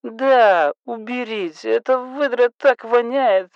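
A man voicing a drunk, hiccuping woman who calls the police, shrill, bossy and slurring. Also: slow, creaky, clean tone, no room sound, dull audio, exaggerated voice. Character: drunk, hiccuping, rude middle-aged woman caller.

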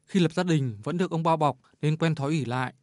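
A man, a radio editor, reading a measured, reflective commentary on a short story. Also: a little high, no room sound, clean studio sound. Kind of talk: scripted literary commentary.

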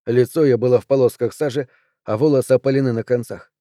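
A man narrating an audiobook in a steady, measured reading. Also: medium pitch, dry recording, studio quality. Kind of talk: scripted narration.

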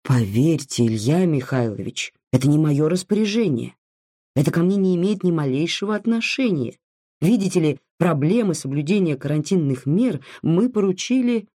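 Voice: mid-range voice, animated, normal speed, mellow, close to an everyday voice. Reader doing a flustered, placating male minister.

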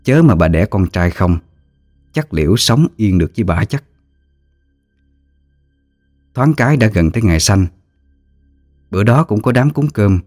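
A man's voice: lowish voice, darkish tone, dry recording, studio quality. A man, steadily narrating a ghost story.

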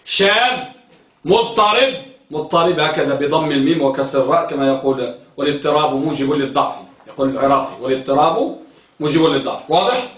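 A man's voice: a little high, quick pace, a bit bright. A man teaching a class, quizzing his students and repeating key terms. He often tells them to focus. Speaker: teacher of hadith terminology. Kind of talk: classroom lecture with questions to students. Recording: roomy, from some distance.

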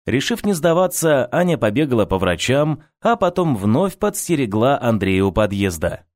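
A male audiobook narrator with a mid-pitched voice and animated intonation. He tells the story expressively, recorded dry and close. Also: normal speed, no echo.

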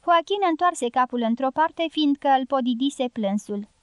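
A woman narrating a literary audiobook in a steady, measured way. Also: high-pitched, smooth, dry recording.

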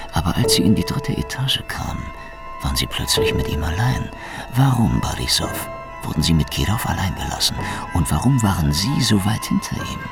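In a German radio crime drama, an actor with a low, gravelly male voice plays a sardonic, hardboiled Soviet secret police investigator. His heavily acted delivery is dry and probing.

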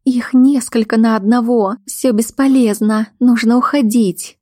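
A woman voicing a vicious, spiteful young henchwoman who sneers and snaps in a shrill, furious voice. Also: steady tone, a little slow, warm tone, no echo, studio quality. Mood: urgent. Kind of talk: audiobook character voice.

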